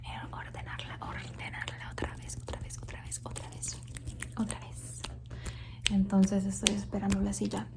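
A Colombian-born woman whispers an ASMR ramble as a content creator. Her mid-range voice is monotone and creaky at a moderate pace, and she switches between Spanish and English, repeating words for tingles. Faint thunderstorm sounds play behind her.

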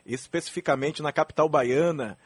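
A man reporting on the radio in a formal, measured way. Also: on the high side, slightly rough, no echo. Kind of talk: scripted news report.

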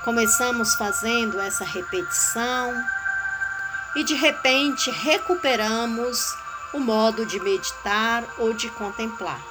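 A woman giving a calm, measured devotional teaching on a way of praying. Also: a little high, loud music behind the voice, rough recording. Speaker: spiritual guide.

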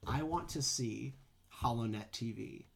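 Gravelly playful male podcaster. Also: mid-range voice, measured pace. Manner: playful, joking asides. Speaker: podcast co-host. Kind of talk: casual fan chat.

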